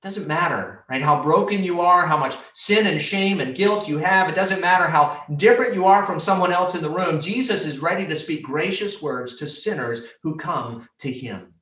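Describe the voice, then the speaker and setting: A man's voice: on the high side, normal speed, hardly any pauses, sharp tone, reverberant, distant mic. A man preaching a sermon earnestly, his voice lifting when he quotes scripture. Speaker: pastor.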